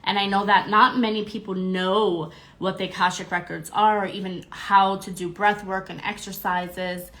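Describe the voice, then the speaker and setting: Speaking at a moderate pace with hardly any pauses, this young woman has a mid-range, somewhat bright voice and fairly even intonation. She's hosting a live podcast stream in a casual, bubbly way, sounding congested and slightly nasal while greeting viewers by name between fillers.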